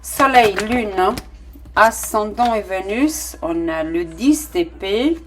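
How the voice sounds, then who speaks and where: A woman's voice: mid-range voice, animated, slow pace, soft background music. A middle-aged woman with a non-native French accent giving a casual tarot reading, hesitant with many fillers and delighted exclamations at the cards. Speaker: tarot reader.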